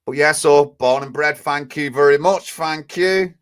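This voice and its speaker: A man's voice: fairly high pitch, unhurried, smooth. A man with an Oldham accent hosting a live stream in blunt, rambling, indignant casual chat. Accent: Oldham, Northern English. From Oldham, England.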